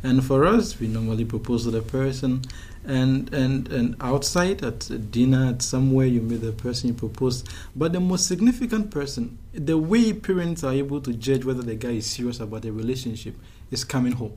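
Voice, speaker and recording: A man's voice: medium pitch, a little fast, few pauses, mellow. Hesitant young man. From Ghana. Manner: hesitant, many restarts and fillers, laughs easily. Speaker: guest, graduate student. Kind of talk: casual interview.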